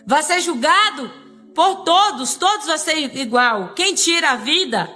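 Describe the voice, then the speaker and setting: A woman voicing Jesus as a solemn, stern grown man, speaking in slow, grave pronouncements. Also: sits high, lively intonation, bright, forceful tone, full character voice. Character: solemn adult male Jesus, stern and calm.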